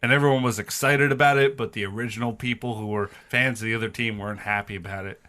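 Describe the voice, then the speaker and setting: A man on a comedy podcast wanders through a joking analogy, hedging and self-deprecating as he goes. His voice sits mid-range with a bright, forceful edge. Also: medium pitch, steady tone, quick pace. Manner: rambling, self-deprecating, full of fillers and analogies. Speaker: podcast co-host. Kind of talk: casual comedic podcast chat.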